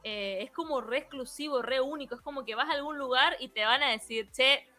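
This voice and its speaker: A woman's voice: sits high, brisk, soft background music. A woman in her thirties from Argentina, with a non-porteño Argentine accent, chatting as a guest on a stream and telling stories with easy laughs. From Argentina, outside Buenos Aires. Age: 30s. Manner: lively, laughs easily, storytelling. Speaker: guest, programming teacher. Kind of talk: casual interview on a stream.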